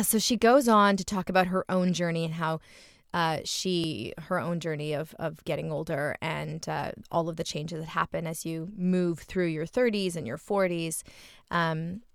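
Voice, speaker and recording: A woman's voice: fairly low pitch, dry recording, clean studio sound. A woman hosting a casual podcast conversation, chatty and skipping around as she shares a reading. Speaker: podcast host.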